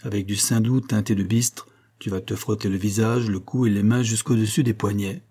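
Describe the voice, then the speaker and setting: Man reading a jovial stage singer, husky low voice, expansive, commanding, dark tone. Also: steady tone, moderate pace. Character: jovial theatrical male opera singer friend.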